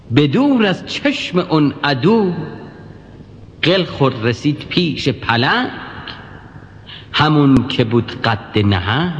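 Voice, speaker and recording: Animated man narrating a rhymed tale. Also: fairly high pitch, slight background noise. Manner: singsong, animated. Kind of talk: rhymed storytelling for children. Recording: dull reverberant recording over music.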